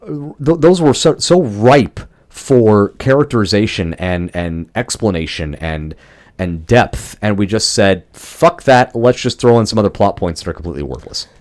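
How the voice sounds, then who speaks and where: A man's voice: on the low side, normal speed, a little mellow. A young man co-hosting a casual podcast movie review, ranting in exasperation and swearing freely. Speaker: podcast co-host.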